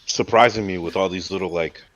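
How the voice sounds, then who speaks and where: A man asking questions in a relaxed, joking way while eating. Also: sits low, a little fast, highs cut off. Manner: easygoing, joking, eats while talking. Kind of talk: casual chat.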